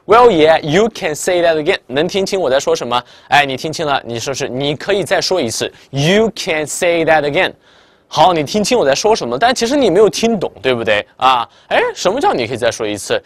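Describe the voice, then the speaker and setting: Chinese guy tutoring english, fast and animated, keeps asking if you got it, dry close sound. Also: fairly high pitch, dry recording. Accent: Mandarin Chinese. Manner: lively, chatty teacher, quizzing the viewer with "明白了吗". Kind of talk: online English listening lesson.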